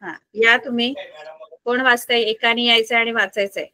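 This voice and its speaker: A woman teacher reading a story aloud in an online class, explaining it slowly and asking the children questions. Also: a little high, fairly even intonation, sharp tone, dry recording.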